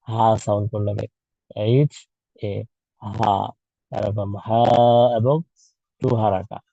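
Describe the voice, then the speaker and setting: A man's voice: medium pitch, dark tone, dry recording, muffled recording. A man teaching children in an online class, patiently drawing out and repeating letter sounds for them to copy. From Bangladesh.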